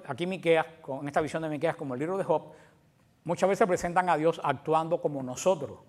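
A male preacher giving a sermon in a conversational way, often asking his congregation questions. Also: fairly high pitch.

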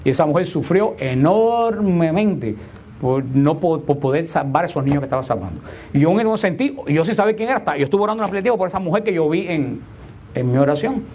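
A male preacher gives a homily to his congregation in a slightly higher-than-usual voice. He leans on repeated rhetorical questions, slowing to stress key words and then rushing through asides. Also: darkish tone. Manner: emphatic, repeats rhetorical questions, shifts between slow stress and quick asides.

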